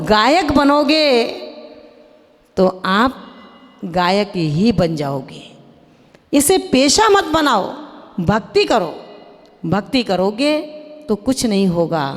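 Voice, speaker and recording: A woman delivering a sermon as a Jain nun, chanting scripture verses and questioning and chiding her audience directly. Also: medium pitch. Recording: long hall reverb.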